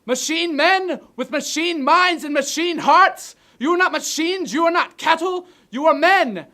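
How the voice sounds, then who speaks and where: A man playing an impassioned orator giving a ranting, shouted, emphatic dictator-style speech. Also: extremely high pitch, pitched above the performer's own voice. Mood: impassioned, defiant. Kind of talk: dramatic speech recitation.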